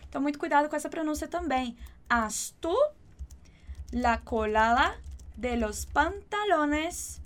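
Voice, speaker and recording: High-voiced woman teaching Spanish. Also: expressive. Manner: explains patiently, repeating words slowly and clearly. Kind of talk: online language lesson.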